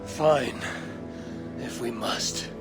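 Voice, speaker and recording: Eivor, husky blunt Viking warrior. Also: female voice, rumbling low, extremely slow, exaggerated voice. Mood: guarded, terse. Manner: terse, challenging, guarded. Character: gruff, blunt, suspicious Viking warrior woman. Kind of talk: video game cutscene dialogue. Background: game music.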